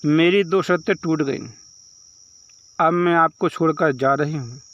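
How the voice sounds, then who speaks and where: A man's voice: on the high side, a little slow, fairly bright tone, dull audio. A man voicing a stern, aloof celestial nymph. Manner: lecturing, repeats address to the king.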